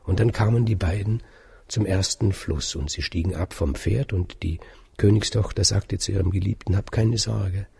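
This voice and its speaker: A man telling a fairy tale aloud in a calm, measured way, dropping at times to a soft whisper. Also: low voice, gravelly, husky. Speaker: storyteller. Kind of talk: oral fairy-tale storytelling.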